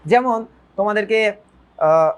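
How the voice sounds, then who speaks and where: A man's voice: sits high, measured pace. A male tutor teaches a grammar lesson to his students. He often repeats his phrases and puts questions to his listeners. English words slip into his talk. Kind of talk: online lecture.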